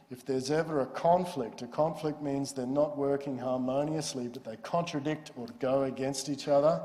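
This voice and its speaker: Male law lecturer, mid-pitched voice, casual teaching tone, echoing lecture hall. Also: darkish tone. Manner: explanatory, conversational teaching. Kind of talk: university lecture. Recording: lecture hall with long reverb.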